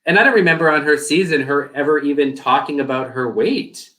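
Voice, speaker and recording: A man co-hosting a casual review chat, hedging and thoughtful, whose voice is going hoarse with frequent throat-clearing. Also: a little high, fairly quick, bright, forceful tone. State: losing his voice, throat-clearing. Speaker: co-host.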